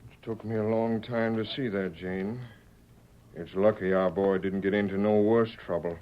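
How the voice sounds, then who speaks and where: In a muffled old recording of a 1940s radio western, a man plays a stubborn, hot-tempered, honest frontier father with folksy rural speech. He sounds rueful, his fairly low voice steady, near-everyday and at a moderate pace.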